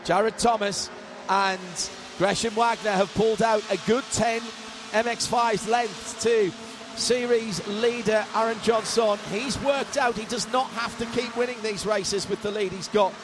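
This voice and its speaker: High-pitched male motorsport commentator over engine noise. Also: steady tone, unhurried. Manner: vivid play-by-play with wry humour. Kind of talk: live motorsport race commentary. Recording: trackside broadcast with loud engine noise. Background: racing cars and trackside ambience.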